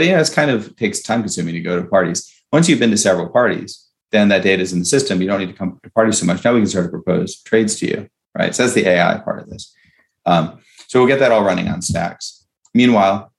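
A man's voice: low-pitched, creaky. A man speaking as a startup founder in a conversational interview, explaining step by step and checking in with "right?" and "okay?".

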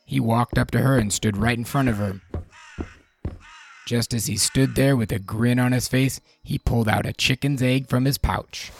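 A man's voice: mid-range voice, fairly even intonation, moderate pace, creaky, faint music behind. A man narrating a scripted story as the narrator between acted scenes.

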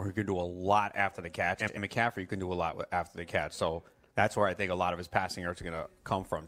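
A man with a notably deep voice talks through fantasy football in relaxed, analytical chat. He hedges and weighs options rather than making bold calls. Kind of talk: casual sports chat.

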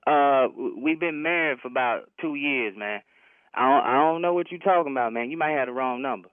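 A man's voice: mid-range voice, fairly quick, no room sound. A man heard over a phone call, talking firmly and cutting in. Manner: firm, interrupting, says "man" a lot. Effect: heard over a telephone line. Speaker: prank call target. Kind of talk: phone conversation on a radio show. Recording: tinny phone line.

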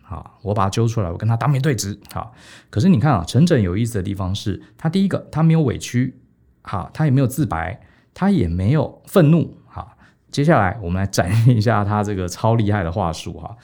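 Man, podcast host, casual storytelling, lively pitch, lowish warm voice. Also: fairly quick. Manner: animated, peppers speech with 哈.

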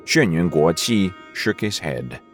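Slow deep-voiced male storyteller. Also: soft background music. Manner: slow, expressive reading. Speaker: narrator. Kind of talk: storytelling narration.

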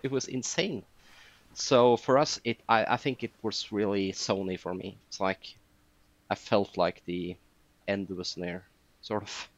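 Low-voiced man telling war reenactment stories. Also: steady tone, unhurried, dull audio. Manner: rambling storytelling with frequent fillers. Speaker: podcast guest, reenactor. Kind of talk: casual podcast chat.

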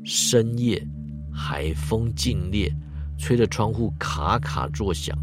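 A man telling a bedtime ghost story in a hushed, suspenseful way. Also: fairly low pitch, lively intonation, slow pace. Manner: hushed and suspenseful, trailing particles. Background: music.

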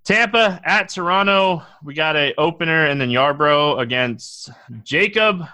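Bright, dry-voiced man with halting delivery. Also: a little high, expressive, no room sound. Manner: halting, many fillers and restarts. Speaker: co-host. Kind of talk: casual podcast sports talk.

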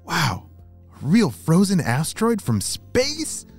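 An eager young boy spy, pitched high and bursting with excitement, as a man puts him on. The voice leaps up and down wildly. Faint music plays underneath. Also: slow pace, husky, full character voice. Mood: excited. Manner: eager, breathless exclamations.

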